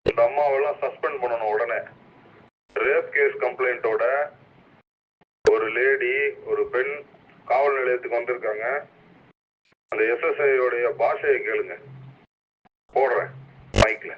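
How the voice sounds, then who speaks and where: A man's voice: mid-range voice, fairly even intonation, measured pace, pauses often. A man speaking as a senior police officer over a police radio, stern and scolding as he gives orders. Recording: muffled police radio with loud static.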